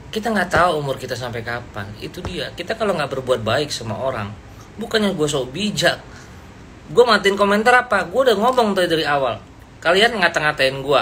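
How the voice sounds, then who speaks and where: A man rants to his viewers in a blunt, slangy, confrontational way. His voice sits a little high for a man. A faint hiss of room noise runs under him. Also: pushed and bright. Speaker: livestreamer. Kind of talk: ranting live stream to viewers. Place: indoors, seated.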